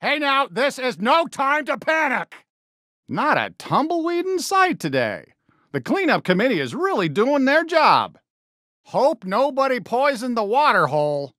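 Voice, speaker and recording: A man voicing a friendly toy cowboy sheriff for a video game, with an American accent and a folksy, eager, expressive drawl. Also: very high voice, measured pace, no echo, clean studio sound, exaggerated voice. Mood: alarmed, reassuring. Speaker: video game character greeting players. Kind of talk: animated game voice lines.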